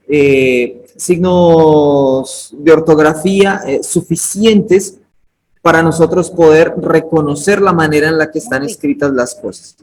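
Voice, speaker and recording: A man's voice: fairly high pitch, darkish tone, slight background noise, low-quality recording. A man teaching a Bible interpretation workshop over a video call, talking conversationally and putting questions to his students by name. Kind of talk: interactive online class lecture.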